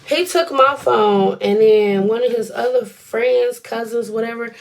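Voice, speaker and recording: A woman's voice: on the high side, unhurried, creaky. A woman in her twenties tells a personal story in a chatty, colloquial way, rambling and dropping in little asides as she goes. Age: 20s.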